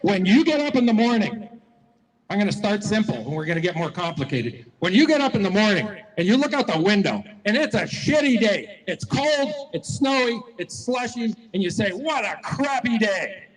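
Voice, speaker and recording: A man's voice: high-pitched, very animated, moderate pace, in a large hall, poor audio. A man giving a folksy, repetitive motivational speech to a crowd at an outdoor rally, telling stories as he goes. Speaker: rally speaker. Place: outdoor public square rally.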